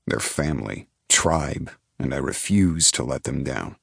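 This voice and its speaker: A man's voice: a bass voice, expressive, measured pace, creaky, fairly bright tone, breathy edge, dry recording. A man narrating a first-person audiobook in a dry, laid-back storytelling manner.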